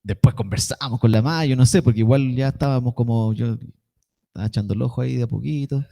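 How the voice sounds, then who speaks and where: A man's voice: medium pitch, quick pace, gravelly, mellow. A young man with a Chilean Spanish accent preaching a sermon, telling a personal story in a casual, slangy way.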